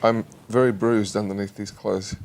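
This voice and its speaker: A man talks as a guest on a TV studio couch. His voice has a gravelly, creaky edge. He tells his stories in a chatty, halting way, often restarting his sentences. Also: on the low side, level tone, darkish tone, a little hiss or hum. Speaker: singer and actor guest. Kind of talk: casual interview chat. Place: television studio.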